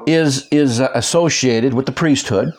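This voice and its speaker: A man's voice: mid-range voice, a little slow, darkish tone. A man teaching a Bible study on his podcast, talking to listeners directly and conversationally. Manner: conversational, direct, asks listeners to follow along. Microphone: podcasting microphone.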